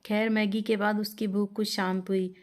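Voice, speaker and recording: A woman narrating a moral story in a steady, plain storytelling manner. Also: medium pitch, moderate pace.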